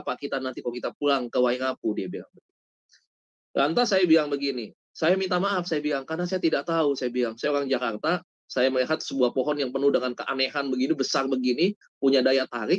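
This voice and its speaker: A man's voice: mid-range voice, dry recording. A male pastor telling a personal story in a sermon, often calling his listeners "brothers" and acting out the dialogue. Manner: addresses listeners as "saudara", animated retelling with quoted dialogue. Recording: dull lo-fi dry sound.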